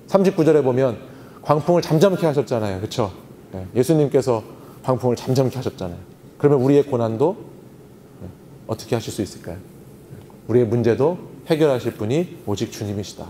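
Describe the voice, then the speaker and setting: A male pastor leads a seminar on Bible meditation at a church youth retreat. His tone is mellow and he teaches with questions to the room. The sound carries a long hall reverb over faint ambience. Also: medium pitch, expressive, fairly quick, slight background noise. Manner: teacherly, asks the audience questions and answers himself.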